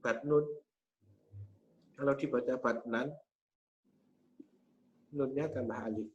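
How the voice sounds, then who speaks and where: A man, teaching Arabic grammar patiently and methodically, pausing often on hesitation sounds. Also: medium pitch, steady tone, a little mellow. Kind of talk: explaining grammar in a class. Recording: slightly muffled with faint hum.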